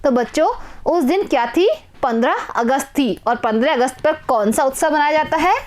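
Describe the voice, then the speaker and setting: A woman's voice: high-pitched, animated, normal speed. A young woman teacher giving a patient, repetitive lesson to young children, asking questions and answering them herself. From Rajasthan, India.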